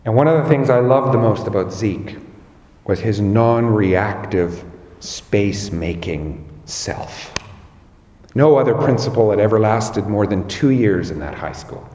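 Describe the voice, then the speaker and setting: A man preaching a sermon as pastor, slow and measured, rising on key words. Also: lowish voice, lively intonation, mellow, echoey room, in a large hall.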